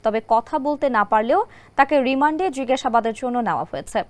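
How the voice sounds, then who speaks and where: Female Bangladeshi news narrator, formal and measured, high register, dry recording. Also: animated, no room sound.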